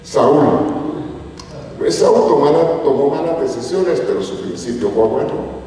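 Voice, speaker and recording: A man's voice: a little high, expressive, unhurried, mellow, slight background noise. A man from Guatemala preaching a sermon in a church, telling stories with rising emphasis. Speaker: pastor. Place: church hall. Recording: echoey church hall from far off.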